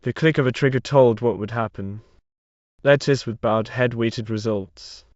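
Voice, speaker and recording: A man reading an old romance novel aloud in even, measured narration. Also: medium pitch, no echo. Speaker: story reader. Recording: slightly dull dry recording.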